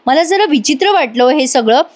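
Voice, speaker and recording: This is a polite young wife who is quietly wary, as a woman reviewer acts her out. She speaks hesitantly and respectfully. Her voice sits high. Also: lively intonation, moderate pace.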